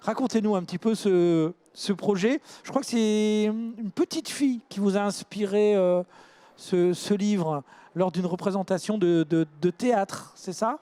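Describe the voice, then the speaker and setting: A man hosting a literary talk, introducing authors and gently prompting them with questions. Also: high voice, a little slow, dry recording. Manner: relaxed, encouraging, reads guest bios. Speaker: host.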